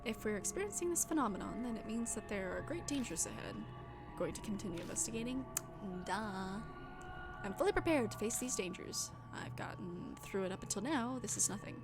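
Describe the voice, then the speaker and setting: A woman's voice: on the high side, very animated, fast, hardly any pauses. A woman streamer reading visual novel text aloud with casual, slangy asides. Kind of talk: let's-play reading game text aloud. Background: game music.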